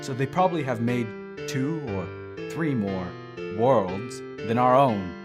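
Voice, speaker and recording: Over plucked guitar music, a man with a medium-pitched, near-everyday voice speaks a little slowly in an audio drama. He plays a smug male immortal, a three-thousand-year-old dream maker who teases and needles with wry, sardonic humor.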